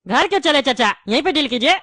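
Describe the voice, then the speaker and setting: A woman's voice: high voice, lively intonation, heavy background noise. A woman voicing a chatty, wary male candy shopkeeper in a cartoon. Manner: chatty, wary, quick to take offence. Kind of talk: cartoon voice acting.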